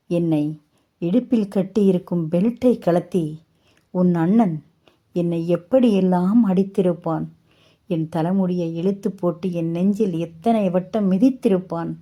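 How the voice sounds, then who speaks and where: A wronged mother full of bitterness, as a woman storyteller puts her on, throwing one reproachful question after another. The voice sits low and dark, and the delivery stays slow and heavy.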